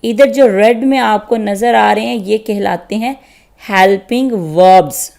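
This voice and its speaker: A woman's voice: medium pitch, unhurried, gravelly, darkish tone. A woman teaching beginners English grammar, explaining step by step and checking in with her listeners. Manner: patient, repeats "theek hai" to check understanding. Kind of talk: slow step-by-step grammar lesson.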